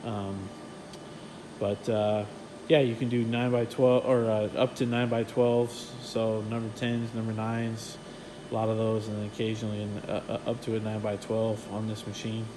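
Carrying his phone as he films, a man gives a casual walkthrough of his print shop's offices and warehouse, describing the equipment in a relaxed, technical manner full of fillers. His voice is on the low side at a moderate pace, and the background is noisy.

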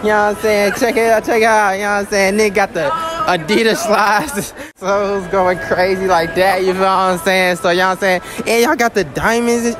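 A man's voice: high-pitched, fairly quick, music in the background. A young man hosting a casual street interview in a shopping mall, talking in slangy, hyped bursts and repeating his catchphrases. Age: young adult. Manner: hype, slangy, animated, repeats "you know what I'm saying".

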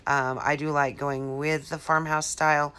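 A woman's voice: low-pitched, flat delivery, unhurried, pushed and bright, clean tone. A woman in her fifties chatting casually through a home craft tutorial, rambling with many fillers and restarts. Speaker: craft vlogger. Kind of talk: casual DIY tutorial chat. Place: living room at home.

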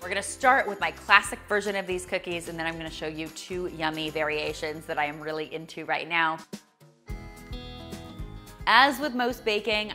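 A woman's voice: fairly low pitch, pushed and bright. A woman in her thirties hosting a cooking show, chatty and upbeat as she walks viewers through a recipe in a kitchen studio. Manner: bubbly and chatty, addresses viewers directly. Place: bright home kitchen studio.

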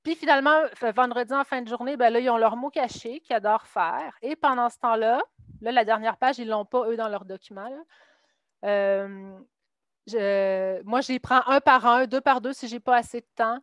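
A woman's voice: fairly high pitch, normal speed, dry recording, studio quality. A woman teacher with a Québécois accent, explaining her reading lessons step by step and acting out what she tells her students. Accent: Québécois French. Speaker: literacy teacher for adult immigrants. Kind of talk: explaining her classroom method at a teachers' meeting.

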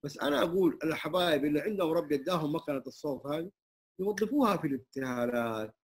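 An older Hijazi man talks with quick, earnest warmth, scattering pious phrases through his speech. His voice is husky and sits fairly high for a man. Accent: Hijazi Arabic. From Saudi Arabia. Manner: humble, emphatic, many religious phrases. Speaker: interviewee, traditional singer and muezzin. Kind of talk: open conversation. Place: neighborhood community hall.

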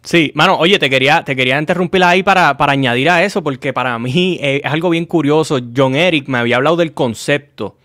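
Chatty Puerto Rican host, higher voice. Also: male voice, fast, hardly any pauses, sharp tone, no echo, studio quality. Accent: Puerto Rican Spanish. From Puerto Rico. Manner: casual, chatty, jumps in with his own stories. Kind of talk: live-streamed interview. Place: small home studio. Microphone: studio mic with headphones.

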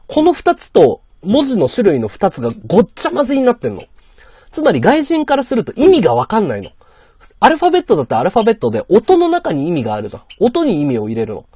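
A man's voice: high voice, warm tone, slightly rough, dry recording. A man chatting on a live stream, lecturing in a rambling way and answering viewer comments. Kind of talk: casual livestream chat reading viewer comments.

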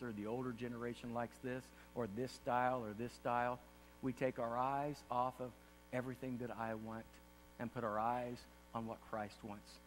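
A middle-aged man, a pastor, giving an earnest state-of-the-church address from a podium on a large auditorium stage, rising to impassioned emphasis. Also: medium pitch. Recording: distant reverberant hall with faint hum.

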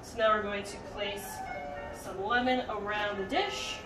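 In her kitchen, a young adult home cook gives a relaxed, informal cooking demo in a medium-pitched, steady voice at a measured pace. The recording has a roomy echo from a distant mic, with music in the background.

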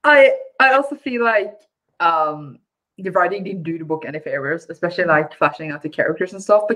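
A woman's voice: lowish voice, lively intonation, a little fast, a bit bright, rough recording. A woman co-hosting a book club, chatting casually and hesitantly, with frequent restarts and filler words.

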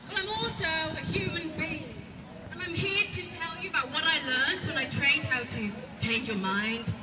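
A woman's voice: high-pitched, normal speed. Impassioned woman at an outdoor rally. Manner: impassioned, emphatic, repeats phrases. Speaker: rally speaker. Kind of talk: public protest speech. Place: outdoor square before a large stone building. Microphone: camera filming from the crowd, far from the speaker. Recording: distant, echoey, loud crowd and street noise. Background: crowd and passing vehicles.

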